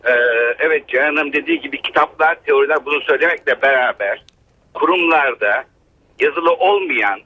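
Husky man calling in over a landline phone. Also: fairly high pitch, a little fast, sharp tone, dry recording. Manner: explaining with frequent hesitations. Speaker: caller, human resources trainer. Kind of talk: call-in radio talk. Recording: phone call into a radio show.

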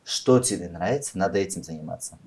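Low-voiced man with an Uzbek accent. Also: lively intonation, quick pace, darkish tone, slight background noise. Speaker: podcast guest, beauty industry professional. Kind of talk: conversational interview answers.

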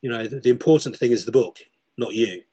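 Man, husky voice, dry close sound, thoughtful rambling guest. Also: medium pitch, quick pace, dark tone, no room sound, highs cut off. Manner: reflective, storytelling with many restarts. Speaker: podcast guest. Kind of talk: casual chat.

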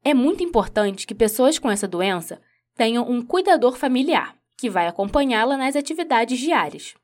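Female reporter, slightly high voice, calm measured news read. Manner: measured, even delivery.

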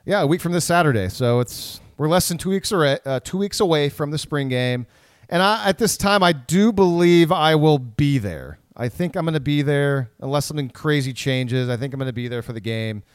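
A man's voice: on the high side, animated, normal speed, smooth, dry recording, studio quality. A man co-hosting a casual sports podcast, rambling with frequent restarts. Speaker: podcast co-host.

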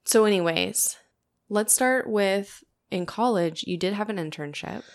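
A woman in her late twenties hosting a casual podcast, chatting in an animated way with lots of "like" fillers. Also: medium pitch, a little slow. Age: 20s. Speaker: podcast host.

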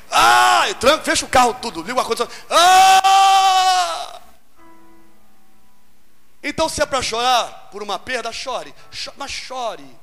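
A man with a Brazilian Portuguese accent preaching an animated sermon, calling out to the congregation for amens. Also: extremely high pitch, long reverb tail.

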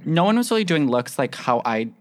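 A young man guest on a studio podcast, talking in a rambling, excitable way, packed with "like", and a bit loud on the mic. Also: a little high, fairly quick. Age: young adult. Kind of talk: casual chat.

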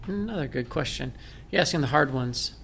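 There's slight background noise as a man with a Northern Michigan accent speaks briskly, his mid-range voice fairly bright, lively in intonation and touched with vocal fry. He is a blind military veteran from Michigan, a guest telling his story in an easygoing interview with self-deprecating humor.

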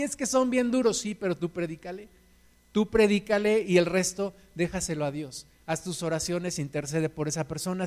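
A man with a Mexican Spanish accent preaching a sermon, passionately swinging between loud emphatic peaks and soft low asides, repeating scripture lines like refrains.

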